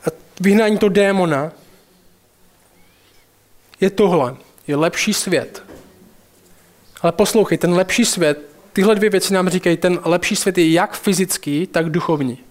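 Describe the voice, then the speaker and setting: A man with a notably high voice preaches a sermon. He speaks straight to his listeners with urgency, slowing down to drive home key phrases.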